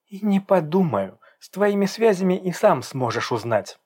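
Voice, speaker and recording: A man's voice: sits high, big pitch swings, normal speed, a little mellow, slightly rough, pitched above the performer's own voice, full character voice. A cold, scheming young woman, as a male narrator puts her on in an audiobook. Her voice sits well above his own, with icy scorn and defiance. It is an audiobook character voice. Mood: defiant. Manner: icy, scornful, then feigning pain.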